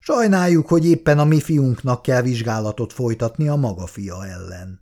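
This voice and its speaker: Man voicing a tart old wife, scolding, lively pitch. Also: natural voice. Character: sharp-tongued older wife and mother.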